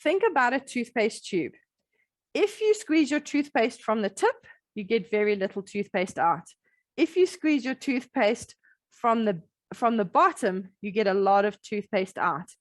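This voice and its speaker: A woman's voice: fairly high pitch, expressive, a little slow, no room sound. A woman presenting a breastfeeding webinar as an educator, friendly and practical, often checking in with "all right?" and "okay?".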